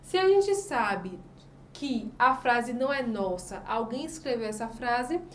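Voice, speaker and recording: High-voiced Brazilian teacher in an echoey room. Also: female voice, lively intonation, a bit bright, recorded from a distance, slight background noise. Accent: Brazilian Portuguese. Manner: slow, emphatic spelling out of example words; asks and answers her own questions. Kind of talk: recorded review lesson for children.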